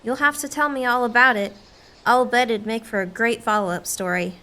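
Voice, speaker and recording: Actress as friendly small-town woman, family drama: earnest, chatty, high and bright. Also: steady tone, a little fast. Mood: pleased. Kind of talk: acted family film dialogue.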